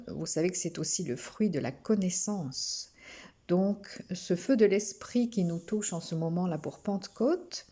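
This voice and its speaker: Brief: French woman, spiritual card reader, unhurried and hesitant, soft mellow lowish voice. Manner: slow, gentle, with frequent hesitations and restarts. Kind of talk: oracle card reading to camera.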